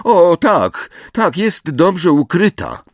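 Male reader doing a sugary, breathy, high-voiced cruel woman official, lively swoops, dry booth. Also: takes it slowly, no room sound, heavily acted.

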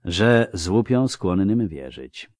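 A weary mercenary, as a male reader puts him on, murmurs in a low, sombre voice. He sounds tired and resigned. The tone is close and dry. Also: very animated, a little slow, a little mellow, no echo. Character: grave, weary male mercenary, quiet-spoken.

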